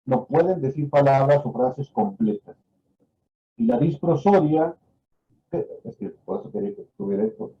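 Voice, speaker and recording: A man's voice: fairly high pitch, big pitch swings, moderate pace, vocal fry, mellow, muffled recording. Man lecturing medicine. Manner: explanatory, with frequent fillers and "¿no?" tags. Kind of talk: lecture on a neurological exam. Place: online class.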